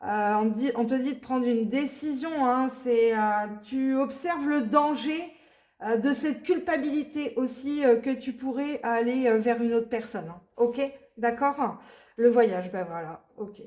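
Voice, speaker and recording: A woman's voice: a little high, unhurried, darkish tone. A woman giving a casual spoken card reading, rambling with many fillers and blunt asides. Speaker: tarot reader.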